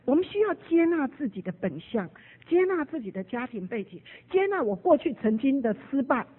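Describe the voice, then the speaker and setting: A woman preaching a sermon, telling stories and acting out the people she quotes with sudden jumps in pitch and loudness. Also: big pitch swings, a little fast, breathy edge. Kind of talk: sermon with storytelling. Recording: narrow phone-like radio broadcast.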